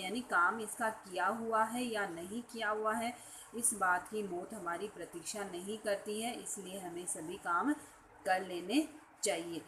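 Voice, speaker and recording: A woman teaching a class, slowly explaining each verse word by word with its meaning. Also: mid-range voice, sharp tone, slight background noise, poor audio. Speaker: Sanskrit teacher.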